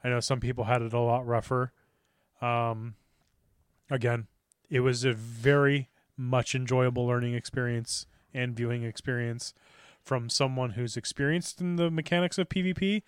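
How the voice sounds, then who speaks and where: A man's voice: medium pitch, steady tone, moderate pace, clean tone, dry recording, clean studio sound. A man co-hosting a casual chat show, upbeat and laughing often as he explains game strategy. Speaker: podcast co-host.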